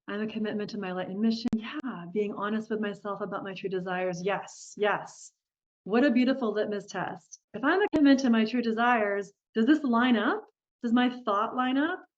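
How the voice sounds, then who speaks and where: A woman's voice: mid-range voice, normal speed. A woman leading a live online group coaching session, upbeat and encouraging, often laughing as she talks to participants. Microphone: video call. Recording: dull lo-fi video call audio.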